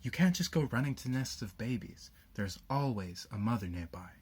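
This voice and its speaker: A man's voice: medium pitch, animated, moderate pace, a little mellow, breathy edge. A man voicing a sensible, protective young boy who gives urgent instructions in a children's story read aloud. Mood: firm, scolding.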